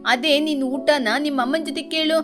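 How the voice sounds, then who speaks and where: A woman's voice: high-pitched, fairly even intonation, over music, close to an everyday voice. A woman doing a cheeky, preachy boy bird. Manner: teasing, preachy, fast-talking. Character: cheeky, talkative young male bird who lectures his friend. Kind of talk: cartoon voice acting.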